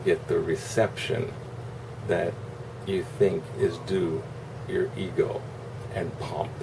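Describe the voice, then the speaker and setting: A man's voice: sits low, flat delivery, slow pace, gravelly, distant mic. A man giving a casual, opinionated monologue in a rambling, sarcastic, salty way. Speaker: online video host. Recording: constant air-conditioner hum, noisy room.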